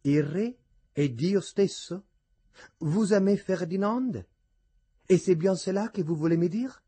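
A man voicing a young enamoured gentleman, gracious and playful. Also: medium pitch, lively intonation, takes it slowly, slightly rough.

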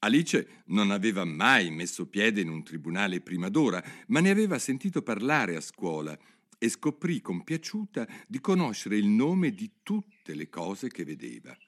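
A man narrating a storybook in a lowish voice that rises and falls a great deal. He reads in a measured, expressive way, with the care of a scripted audiobook.

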